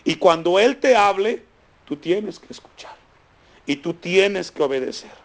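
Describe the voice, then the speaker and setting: Male pastor, higher-pitched voice, emphatic sermon with repeated key lines, fervent prayer. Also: lively intonation, unhurried. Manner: emphatic preaching, repeating key phrases, drops low and soft for stress; raised, fervent pleading in prayer. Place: church congregation.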